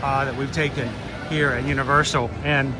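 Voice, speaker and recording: A man chatting casually as a livestream host, self-deprecating, with soft R's that sound like W's. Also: mid-range voice, little pitch movement, normal speed. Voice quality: can't pronounce R's, says w for r. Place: outdoors at a theme park. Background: music.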